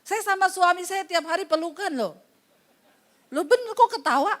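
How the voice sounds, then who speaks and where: High-pitched lady pastor preaching, lively, jokes with the crowd. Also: normal speed. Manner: lively, jokes with the congregation, retells conversations. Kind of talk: sermon.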